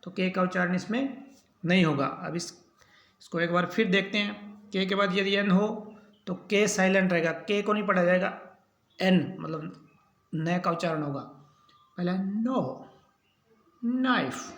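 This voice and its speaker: A man teaching English pronunciation in a slow spelling lesson, spelling out each word letter by letter and then repeating how it is said. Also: high voice, steady tone, a bit bright, reverberant.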